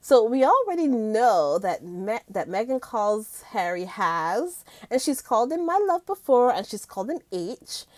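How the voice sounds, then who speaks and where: A woman's voice: a little high, sing-song, a little slow, few pauses, darkish tone, dry recording. A woman vlogger talking casually to her viewers, chatty and gushing, often calling them guys. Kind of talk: casual commentary chat.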